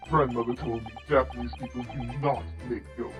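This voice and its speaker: A woman's voice: fairly even intonation, fairly quick, over music. A woman using a voice changer to voice a suspicious Russian male ship crewman with a Russian accent, speaking in curt, broken English. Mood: scornful. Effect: voice changer lowering her voice to a man's. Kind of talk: voicing a character in a game playthrough.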